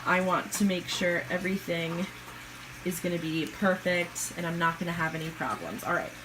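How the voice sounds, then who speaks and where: A woman narrating a casual home video about her fish tank in a chatty, excitable way, with giggles and self-corrections. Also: lowish voice, moderate pace, noisy background. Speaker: goldfish keeper vlogger.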